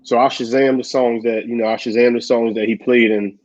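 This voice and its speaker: Animated man chatting, laughing often. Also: mid-range voice, brisk. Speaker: podcast co-host. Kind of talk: casual chat. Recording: dull lo-fi audio.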